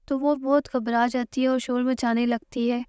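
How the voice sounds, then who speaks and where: High-voiced woman narrating a drama recap. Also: very noisy. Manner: steady storytelling read.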